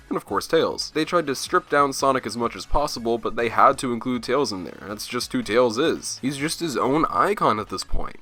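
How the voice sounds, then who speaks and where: A man's voice: mid-range voice, pushed and bright. A man narrating a scripted video essay, tossing in jokey, sarcastic asides to the viewer.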